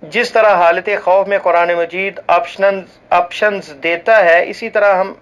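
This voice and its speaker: A man reads a religious ruling aloud in a formal, measured voice and recites Arabic verses along the way. His voice is smooth and resonant and sits a little higher than usual. The recording is slightly muffled and lo-fi. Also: fairly even intonation, a bit bright. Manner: formal and measured, with occasional slips and restarts; recites Arabic scripture passages. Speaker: voice-over reader for a religious channel.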